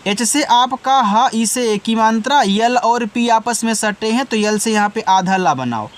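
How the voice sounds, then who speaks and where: A man teaching English words letter by letter, spelling slowly, then explaining patiently and answering his own questions. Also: high voice. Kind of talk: Hindi-language spelling lesson.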